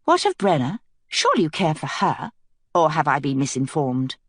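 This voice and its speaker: A woman's voice: sits low, huge pitch swings, moderate pace, no room sound, clean studio sound, exaggerated voice. A woman voicing a young queen who speaks firmly and earnestly. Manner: firm, earnest.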